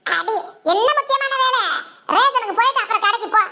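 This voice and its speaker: A woman voicing a nagging old village grandmother in a cartoon, with a Tirunelveli Tamil accent, talking slowly. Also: extremely high pitch, pushed and bright, slight background noise, exaggerated voice. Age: older. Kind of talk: cartoon voice acting.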